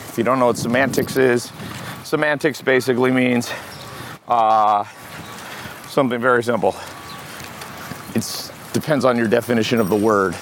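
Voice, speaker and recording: A man's voice: mid-range voice, steady tone. American guy doing a casual podcast while out walking, bit of traffic noise. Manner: talking while walking briskly outdoors. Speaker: podcast host. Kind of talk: casual solo talk recorded while walking. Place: outdoors in a city park, on the move. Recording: outdoor city noise, traffic hum. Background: street and outdoor city ambience with vehicles.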